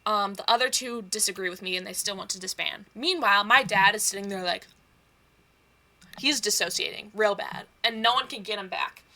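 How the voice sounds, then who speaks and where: A woman casually recapping a tabletop campaign, swearing freely, acting out quoted lines and dropping into quick whispered asides. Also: mid-range voice, bright, forceful tone.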